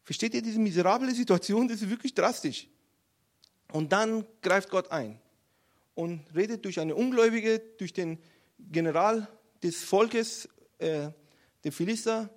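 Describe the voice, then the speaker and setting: Brief: male preacher, high voice, animated and emphatic, retelling scripture to a congregation. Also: a little slow. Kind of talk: sermon, Bible teaching.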